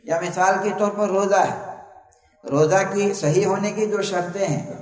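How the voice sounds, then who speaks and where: A man's voice: high-pitched, crowd noise. A man giving a methodical religious lecture, listing conditions one by one and quoting Arabic terms. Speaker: Islamic preacher. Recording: echoey hall, voice from far off.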